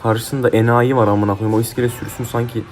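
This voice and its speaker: A man's voice: mid-range voice, level tone, quick pace, a little mellow. A young man commentating his own mobile game match, swearing heatedly and trash-talking his opponents. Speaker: gaming YouTuber. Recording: faint game music behind.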